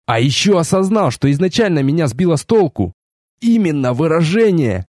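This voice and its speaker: A man reading a first-person audiobook in a wry, expressive way with sardonic asides. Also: on the high side, moderate pace, no echo, studio quality. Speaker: audiobook narrator.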